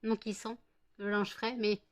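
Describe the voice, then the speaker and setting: A woman's voice: medium pitch, level tone, unhurried. A French woman vlogging at home, chatting and cooing baby talk to her dogs with playful teasing. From France. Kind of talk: casual chat to her dogs.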